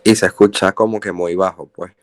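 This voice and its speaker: A man's voice: deep voice, fairly even intonation, fairly quick, no room sound. A man student speaking briefly and matter-of-factly, heard over a crackly, choppy online call line. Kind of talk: casual remarks on an online class.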